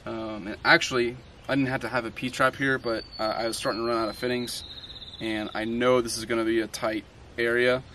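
Relaxed man giving an outdoor DIY walkthrough. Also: medium pitch, a little fast, a little hiss or hum. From Tennessee. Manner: relaxed, many ums and uhs, explains step by step. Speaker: DIY home builder. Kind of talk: casual how-to walkthrough. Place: outdoor building site in the country.

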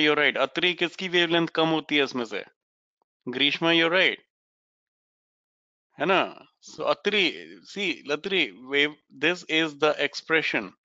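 Bright, clear-voiced Indian male teacher. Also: on the high side, no room sound, lo-fi sound. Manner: encouraging, conversational, mixes Hindi into English. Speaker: physics teacher. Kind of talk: informal online lesson, explaining problems to students. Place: indoors, online class over webcam.

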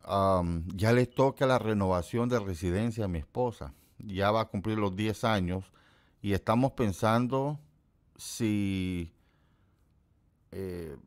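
A middle-aged man from Central America hosting a livestream, chatting casually with his viewers and teasing them. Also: measured pace. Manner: chatty, jokes and teases his chat; quotes people in a put-on high voice. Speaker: livestream host. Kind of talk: casual chat with live viewers.

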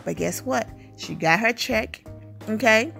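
A woman's voice: fairly high pitch, lively intonation, a little slow, creaky, bright, forceful tone, faint music behind. Chatty woman giving celebrity gossip takes. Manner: chatty and opinionated, reads viewer comments aloud. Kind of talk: casual gossip commentary.

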